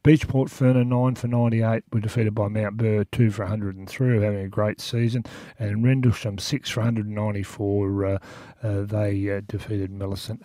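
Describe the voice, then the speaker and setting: A man's voice: lowish voice, dark tone, no room sound. An Australian man giving a conversational local radio sports round-up, full of colloquial slang and jokey nicknames.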